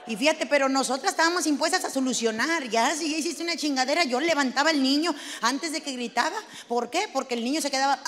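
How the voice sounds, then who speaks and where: A woman's voice: high voice, fast talker, few pauses, fairly bright tone. A middle-aged woman with a Mexican accent performing a stand-up comedy routine, telling crude, brash stories. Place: stage before a live audience. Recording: live venue with long reverb, faint noise.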